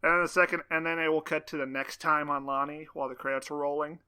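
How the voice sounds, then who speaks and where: Bright, high-voiced male podcast joker. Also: flat delivery, fast, clean tone. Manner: wisecracking, laughs often. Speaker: podcast co-host. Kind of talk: casual chat.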